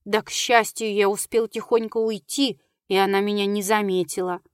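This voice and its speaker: A humble old-fashioned manservant in an audiobook, pleading and deferential, read by a woman. Mid-pitched and dry, close to the mic. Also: fairly even intonation, moderate pace, no echo, natural voice. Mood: frightened. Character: frightened old-fashioned male servant, humble.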